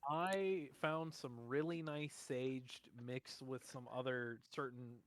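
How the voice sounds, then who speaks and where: A man's voice: medium pitch, level tone, slow pace, slight background noise. A man playing a tabletop game, chatting casually, joking and laughing often. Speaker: player.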